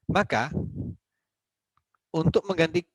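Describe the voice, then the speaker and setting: A man's voice: on the high side, animated, slow pace, slightly rough, dry recording, poor audio. A man giving a university law lecture in a conversational way, asking and answering his own questions and acting out little dialogues.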